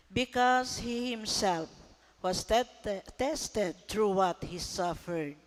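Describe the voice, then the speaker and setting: A man reading scripture formally as a lector at Mass, deliberate and phrase by phrase, in a large echoing church. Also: high-pitched, fairly bright tone, smooth. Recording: long echoing church reverb.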